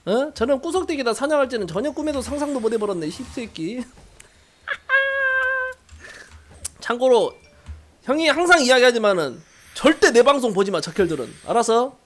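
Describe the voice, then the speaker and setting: A man's voice: very high-pitched, animated, quick pace, a bit bright. A man streaming a mobile game, giving brash casual commentary, swearing and teasing his viewers.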